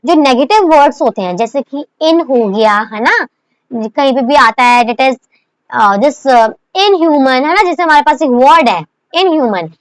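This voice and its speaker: High-voiced woman teaching shorthand patiently. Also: dry recording. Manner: patient, repeats "theek hai" and rhetorical questions, mixes English terms into Hindi. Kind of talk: recorded lesson explaining by demonstration.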